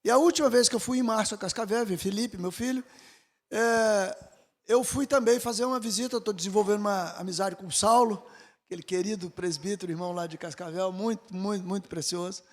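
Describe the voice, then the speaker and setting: A middle-aged Brazilian man preaching a sermon, telling a story with animated swings from hushed to loud and acting out the voices he quotes. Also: sits high, brisk, big-room sound.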